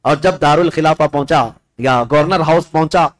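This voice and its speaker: Man, preacher, storytelling sermon, impassioned, declamatory, somewhat high voice. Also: normal speed. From India. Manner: impassioned, declamatory, addresses the crowd directly.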